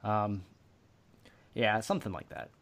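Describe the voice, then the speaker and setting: A man's voice: fairly low pitch, a little slow, a bit bright. A man hosting a casual sports podcast, laid-back and teasing. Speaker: podcast host.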